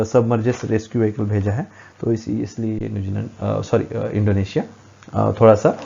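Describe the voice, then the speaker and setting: A man gives an exam-prep current affairs lesson, talking through quiz questions at a board and often pausing with hesitant fillers. His voice sounds mellow and dark. The recording is dull and lo-fi. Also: mid-range voice, creaky. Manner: explains at a board, frequent hesitations.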